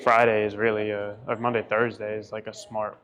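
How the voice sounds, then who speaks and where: A man's voice: lowish voice, flat delivery, brisk, fairly bright tone. A man working as a coach, talking informally and encouragingly in slangy, casual conversation. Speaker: workshop coach.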